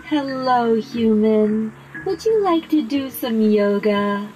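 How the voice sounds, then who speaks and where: A woman voicing a calm female robot yoga instructor in a video game, speaking in a slow, even, robotic way. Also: a little high, muffled recording. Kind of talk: video game character dialogue. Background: game music.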